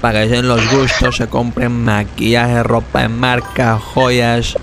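Young man, slow and overly polite mock-gentleman tone, flat delivery, music playing behind. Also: mid-range voice. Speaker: streamer. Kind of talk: trolling role-play over game voice chat. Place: home streaming room. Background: background music.

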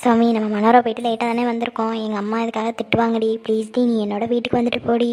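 A woman voicing a lovestruck, anxious young woman in a cartoon who hides her feelings and talks in a quick, chatty, defensive way. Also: on the high side, monotone, a little mellow, lightly acted. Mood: lively. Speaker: cartoon character. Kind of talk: cartoon voice acting.

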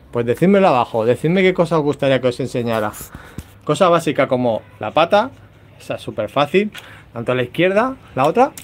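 A man's voice: medium pitch, a little mellow. A man with an accent from Spain chatting casually to viewers on a phone vlog, loose and full of fillers. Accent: Spanish (Spain). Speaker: vlog host, dog owner.

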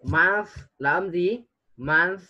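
A man's voice: high-pitched, extremely slow, dull audio. A man tutoring a young pupil one-on-one online, patiently coaxing answers and mixing English prompts into his teaching.

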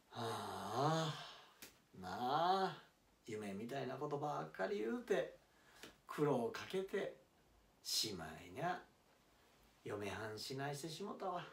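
男性が演じる 関西弁の労働者ファン。声を張り上げ、抑揚が激しく上下し、ざらついた声。響く部屋でマイクから少し離れた録音。. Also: male voice, fairly high pitch, exaggerated voice. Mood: tender. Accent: Kansai. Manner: loud, excitable, shouting at times. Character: excitable Kansai laborer fan, man, devoted. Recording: roomy, distant mic.

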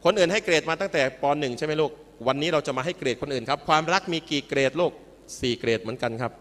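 A man's voice: a little high, lively intonation, quick pace, fairly bright tone, a little hiss or hum. A man giving a humorous, playful sermon to students as a monk preacher, joking and calling his listeners children. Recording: reverberant hall with faint music.

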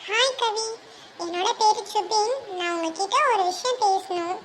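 A voice actor doing a squeaky lovesick young guy. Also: unhurried, a little hiss or hum. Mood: earnest. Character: lovesick young man, earnest and gloomy. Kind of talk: comic cartoon dialogue.

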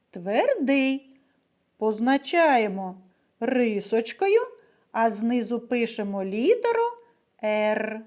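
A woman teacher with a high, very lively voice leads a recorded reading lesson for small children. She goes slowly and patiently, step by step, asking simple questions and speaking to them as little ones. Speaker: primary school teacher.

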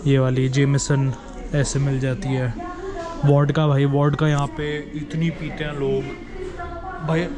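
A young man from India chatting casually as a travel vlogger, walking outdoors and then through a supermarket, filming himself on a handheld action camera and explaining prices to viewers. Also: medium pitch. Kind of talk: casual travel vlog chat. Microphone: action camera held at arm's length.

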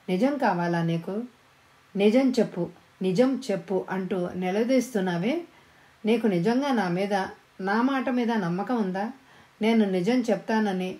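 A woman's voice: medium pitch, a little slow, pauses often, warm tone, lightly acted, rough recording. A woman voicing a hurt, proud young woman who pleads yet stands her ground, in a storybook reading. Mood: pleading.

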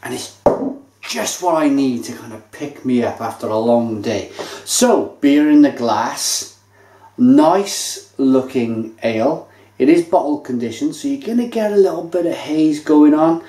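Sipping and describing a beer in his home kitchen, a man in his thirties talks in a relaxed, chatty manner with a mid-range voice and a slightly slow delivery. The camera mic sits at table distance, and the room echoes.

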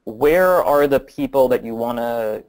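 Guy on a webinar, lots of uh and um, restarts his sentences, mid pitch. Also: animated, a little slow, a little mellow, poor audio. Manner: hesitant, many fillers and restarts. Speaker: guest marketing expert. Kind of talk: webinar Q&A answers.

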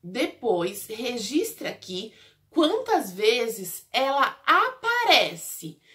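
A woman teaching a recorded lesson for young children, speaking slowly in a sing-song way and stretching out syllables. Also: a little high, wildly swooping pitch, fairly bright tone. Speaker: preschool teacher.

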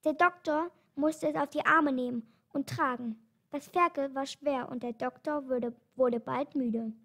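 A woman reading a children's storybook aloud as an audiobook, in a clear, even read-aloud delivery. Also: sits high, unhurried. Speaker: audiobook reader. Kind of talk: scripted storybook narration.

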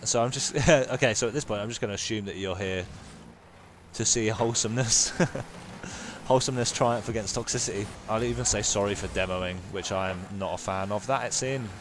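A young man giving live, excitable commentary over his own gameplay, laughing often and gasping at big plays. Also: lowish voice, a little fast, slight background noise. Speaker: gaming YouTuber.

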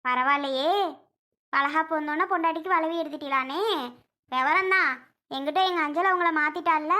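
A woman's voice: sits high, brisk, pushed and bright. A woman acting in a family skit, chiding and emotional as she talks to several relatives. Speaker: skit actor.

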